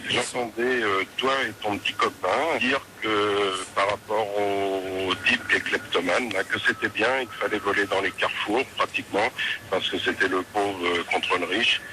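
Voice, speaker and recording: A man's voice: fairly low pitch, steady tone, moderate pace. A man leaving an earnest, reproachful phone message for a radio host. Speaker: caller. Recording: voicemail played on radio with loud noise.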